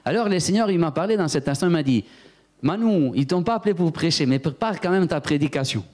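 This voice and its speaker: Man, preacher, sermon, lively storyteller, talks straight to the congregation. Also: fairly high pitch, fast talker. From Italy. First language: Italian. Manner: animated storyteller, acts out voices, talks to the congregation. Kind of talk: sermon with personal testimony.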